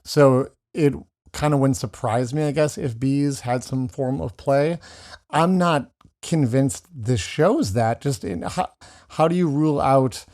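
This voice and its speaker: A man's voice: medium pitch, measured pace, darkish tone. A man co-hosting a podcast, asking skeptical questions in casual chat. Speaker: podcast co-host.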